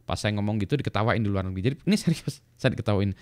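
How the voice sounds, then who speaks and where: A middle-aged man with a fairly low voice, talking casually to camera in a solo video. He rambles and often laughs at himself, and he spells words out letter by letter. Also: expressive, rapid-fire, a little mellow. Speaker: lecturer in electrical engineering.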